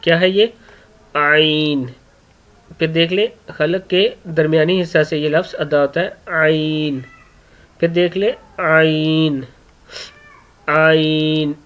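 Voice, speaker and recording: A man teaching children to read sounds letter by letter, repeating each one several times and often clearing his throat. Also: a little high, fairly even intonation, moderate pace. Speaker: Quran reading teacher. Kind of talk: slow letter-by-letter lesson for children. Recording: dull lo-fi recording.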